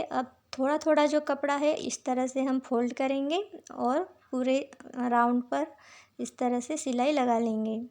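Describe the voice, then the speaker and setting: A woman with a sore throat, calmly walking viewers through a sewing tutorial step by step. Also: sits high. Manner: patient, repeats "dekhiye" while showing each step. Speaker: sewing teacher.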